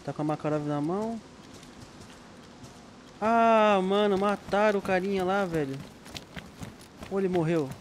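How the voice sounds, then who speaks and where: A man's voice: high voice, unhurried, pauses often, a little hiss or hum. A young man with a Brazilian Portuguese accent giving casual, slangy gameplay commentary and laughing often. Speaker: gameplay streamer.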